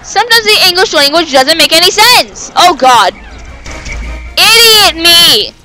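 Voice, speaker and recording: Brief: high-voiced woman, lively swooping delivery, chatty let's-play commentary, easily excited. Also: measured pace, faint music behind, rough recording. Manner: excitable, rambling, with sudden exclamations. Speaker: video game let's player. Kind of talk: casual gameplay commentary.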